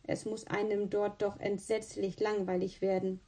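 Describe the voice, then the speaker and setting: A serious young boy from a storybook, musing quietly as he thinks things over, as a woman reading the tale takes his part. Her tone stays mellow and subdued. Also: medium pitch, flat delivery, moderate pace, lightly acted.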